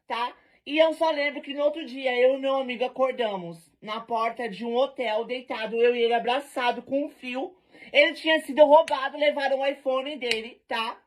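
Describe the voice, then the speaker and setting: A woman with a high voice tells a chaotic night-out story straight to camera. She talks in a lively, slangy, joking way, full of asides to her viewers. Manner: animated, slangy, jokey.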